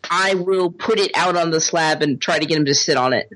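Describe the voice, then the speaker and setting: A playful tabletop player describes what their character does and laughs often. The voice sits at a middle pitch and sounds dry and close. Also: brisk, a bit bright, no echo, low-quality recording. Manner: laughing, playful, narrates own actions. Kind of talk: casual tabletop play.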